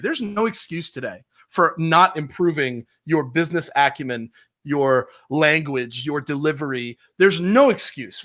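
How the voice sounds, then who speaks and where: A man's voice: a little high, pushed and bright. A man talking as a podcast guest, explaining sales calls in a confident, emphatic way. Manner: confident, emphatic, demonstrates phone openers. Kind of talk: casual interview talk.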